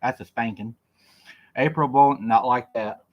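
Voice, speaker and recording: The sound is lo-fi as this man eats during a casual livestream, reading out what viewers write while joking and laughing. He's from Oklahoma and speaks at an ordinary speed with a medium pitch.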